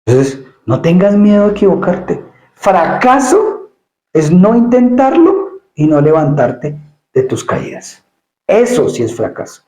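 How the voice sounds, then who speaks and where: A male pastor preaching an emphatic sermon, often repeating words and acting out quick asides. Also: high voice, very animated, warm tone, echoey room, poor audio.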